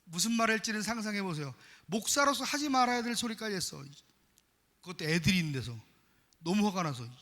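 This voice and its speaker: A middle-aged man preaching a sermon as pastor, emphatic, swinging from loud exhortation to quiet confession. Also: high-pitched, big pitch swings, brisk. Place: church sanctuary. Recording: long church hall reverb.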